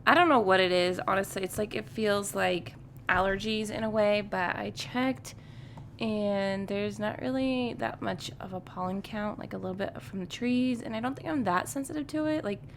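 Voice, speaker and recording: Young woman podcast host, nasal and congested, easygoing solo chat, mid-pitched, faint noise behind. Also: normal speed. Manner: rambling, filler-heavy with frequent likes and ums. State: congested, stuffed up.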